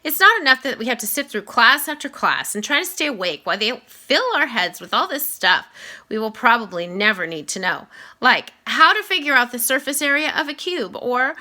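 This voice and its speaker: A woman reads a children's novel aloud with expressive first-person narration, changing her delivery for dialogue and asides. Her pitch is fairly high and her pace fairly quick.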